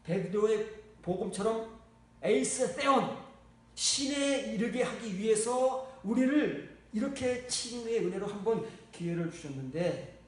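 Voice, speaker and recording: Man, pastor, sermon, high voice, blunt scolding tone, loud swings, echoey hall, far from mic. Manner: lively, shifts from low muttering to loud exclaiming. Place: church.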